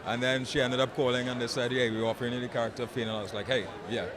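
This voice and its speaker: A man's voice: mid-range voice, flat delivery, very fast. Laid-back man over crowd noise. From Trinidad. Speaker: actor. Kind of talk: red carpet interview. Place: outdoor red carpet event. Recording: crowd chatter behind.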